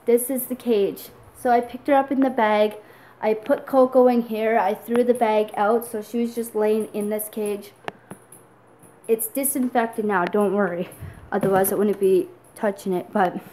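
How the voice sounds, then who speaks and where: A woman's voice: medium pitch, warm tone, slight background noise, rough recording. A young adult woman vlogging casually, tearful and rambling, with lots of fillers as she tells a story.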